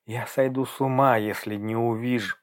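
A man's voice: mid-range voice, steady tone, moderate pace, lightly acted. A man voicing a frightened young new mother. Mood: desperate pleading. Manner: pleading, anxious. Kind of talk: audiobook character reading.

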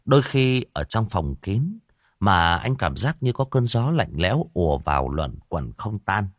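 Casting: very deep male storyteller, lively and dramatic delivery, dry close mic. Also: a little slow, no room sound. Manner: expressive, dramatic, voices characters. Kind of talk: horror audiobook narration.

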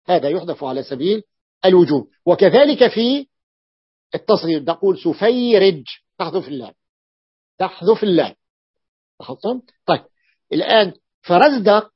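A man's voice: high voice, husky, no echo. A man, a sheikh teaching a class, who explains patiently, repeats his examples and often checks whether students follow. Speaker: sheikh teaching Arabic morphology. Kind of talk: classroom lecture. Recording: dull lo-fi dry lecture recording.

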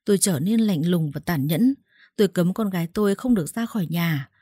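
A woman reading a first-person story aloud in a steady storytelling voice and voicing its dialogue. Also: fairly low pitch, brisk, husky, dry recording, clean studio sound. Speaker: narrator.

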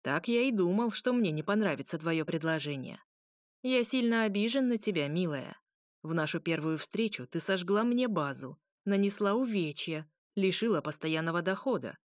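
A woman's voice: lowish voice, expressive, moderate pace, no room sound, lightly acted. Casting: woman reading a smug male demon marquis, centuries old, mocking and lordly, dry close sound.

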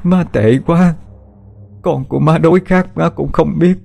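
A man's voice: on the high side, a little slow, creaky, a little mellow, pitched above the performer's own voice. A man voicing a grief-stricken middle-aged mother who wails and sobs over her dead son. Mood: wailing. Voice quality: wailing, sobbing.

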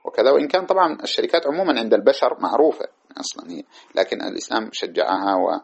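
A man's voice: fairly low pitch, vocal fry, slightly rough. A man teaching Islamic jurisprudence in a classroom lecture, reading passages from a text and explaining them at length. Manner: reads a passage aloud, then explains it at length. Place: lecture hall with microphones. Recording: dull lo-fi lecture recording.

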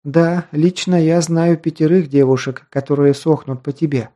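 Young noble girl, proud, sheltered heiress, higher soft voice, read by a man. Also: fairly even intonation, moderate pace, lightly acted. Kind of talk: audiobook character reading.

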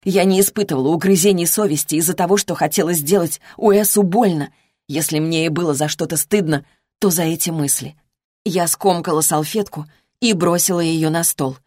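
A woman reading a novel as a first-person audiobook narrator, in a steady, measured way on a close studio mic. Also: lowish voice, dry recording.

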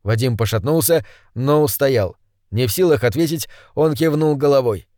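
A man's voice: medium pitch, normal speed, no room sound. Man narrating in a dry, close voice. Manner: even, storytelling. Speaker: audiobook narrator. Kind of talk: scripted narration.

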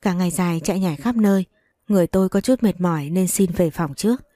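A woman's voice: fairly low pitch, fast talker, mellow, dry recording. A woman narrating a first-person romance story, reading all the characters' dialogue in her own voice with little change. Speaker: audiobook narrator.

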